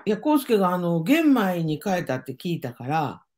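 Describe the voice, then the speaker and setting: A woman's voice: lowish voice, very animated, normal speed, a little mellow. An older woman with a Kansai accent, chatting casually as the host's mother and giving easygoing, matter-of-fact advice. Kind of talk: casual chat.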